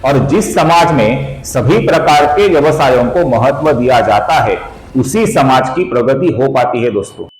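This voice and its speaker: Guy doing a pronunciation lesson, slow careful syllables, roomy echo. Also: medium pitch, expressive. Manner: patient, slows down to spell out syllables; addresses viewers as friends. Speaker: Sanskrit pronunciation teacher. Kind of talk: video lesson on chant pronunciation.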